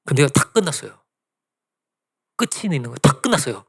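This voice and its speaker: A male pastor preaching a sermon, telling stories with lively asides to his congregation and closing in soft prayer. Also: mid-range voice, brisk, husky. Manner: animated storytelling with asides to the congregation.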